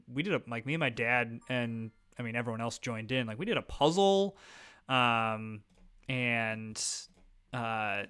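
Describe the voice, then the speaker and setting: Midwestern guy in his 30s rambling through a let's play, lots of ums, bright and clean sounding. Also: mid-range voice, clean tone. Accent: Midwestern American. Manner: rambling, filler-heavy, self-deprecating. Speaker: gaming YouTuber. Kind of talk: casual let's-play commentary.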